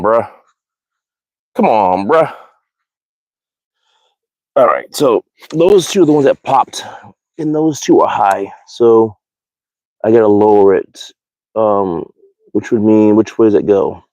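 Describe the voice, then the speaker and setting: Outdoors at a backyard archery range, an American hobby archer with a fairly low, darkish voice hosts a livestream, rambling casually in slang. The low-quality recording has no echo.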